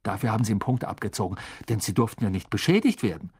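A man reading the part of an excited teenage boy who chatters on quickly, with a slightly husky voice. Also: fairly low pitch, exaggerated voice. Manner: fast, breathless babbling.

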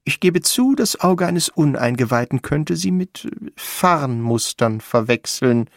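A man voicing a cool, wry older male painter in an audiobook, lifting his voice higher. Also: animated, a little slow, dry recording, clean studio sound. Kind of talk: audiobook character voice.

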